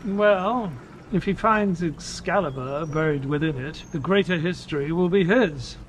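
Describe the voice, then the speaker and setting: An actor playing Dr. Watson, an inquisitive companion who narrates an audio play in an earnest, storytelling way. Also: male voice, on the high side, a little slow, a little hiss or hum, lightly acted. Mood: curious, doubting. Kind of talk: audio drama narration and dialogue.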